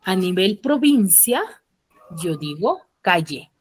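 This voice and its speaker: A woman's voice: medium pitch, expressive, a little slow. Woman teaching an online class. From Peruvian highlands. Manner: checks in with students, frequent tag questions.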